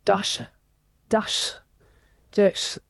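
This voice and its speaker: A woman's voice: drawn-out words, dry recording, clean studio sound. A text-to-speech woman's voice that glitches, stuttering and repeating stray syllables, with uneven auto gain that makes its level dip as if it turned away from the mic. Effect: uneven auto gain, level dips as if turning from the mic.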